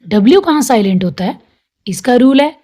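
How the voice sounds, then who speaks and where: A woman's voice: fairly high pitch, animated, fairly quick, dark tone. A woman teaching a lesson, explaining rules and then reading lists of example words, stressing each word. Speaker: English pronunciation teacher.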